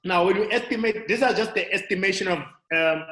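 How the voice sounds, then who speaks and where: Bright, echoey man giving a sales pitch. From South Africa. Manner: halting, many restarts and fillers. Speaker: guest speaker on a call. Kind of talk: motivational sales presentation. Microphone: video call. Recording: echoey room audio.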